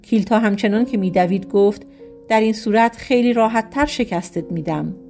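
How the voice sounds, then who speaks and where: A woman's voice: medium pitch, vocal fry, warm tone, faint music behind. A woman reading a folk tale aloud as an audiobook narrator, speaking each character's lines in her own voice. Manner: reads all characters in her own voice with quoted dialogue. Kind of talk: storybook narration.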